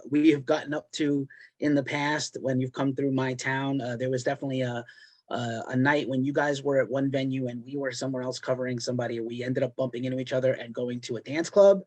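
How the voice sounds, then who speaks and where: Interviewer guy, middle pitch, jokey and chatty, bantering with the guest. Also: steady tone, fast talker, darkish tone. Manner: chatty, joking, friendly banter. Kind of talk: casual interview chat.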